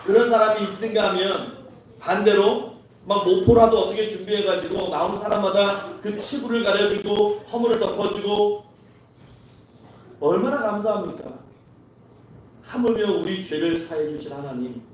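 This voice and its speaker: A man preaches in a lively storytelling way and voices the people in his story himself. His voice sits high for a man and rings through a very echoey church hall. He is picked up from a distance, with a faint hum of the room behind him. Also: moderate pace. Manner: storytelling preacher acting out quoted dialogue. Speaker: pastor. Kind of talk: sermon. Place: church sanctuary.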